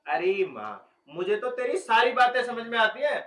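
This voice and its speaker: An actor playing a stubborn, cheeky young village husband with a Haryanvi accent, loud and quarrelsome with quick comic retorts. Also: male voice, very high-pitched, animated, full character voice. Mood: exasperated. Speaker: comic lead in a village film.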